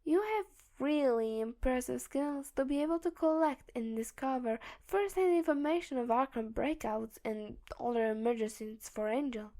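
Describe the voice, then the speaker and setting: A woman's voice: high voice, moderate pace, hardly any pauses, dark tone. A woman voicing a playful, friendly young male hero in a fan audiobook reading, with an upbeat, teasing delivery.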